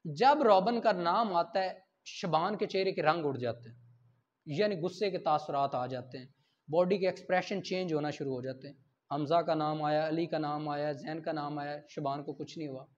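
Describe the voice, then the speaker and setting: A man with a Pakistani accent and a fairly high voice lectures on law at normal speed. He teaches through examples, questions and answers himself, and mixes in English terms. The lecture audio is dull and lo-fi.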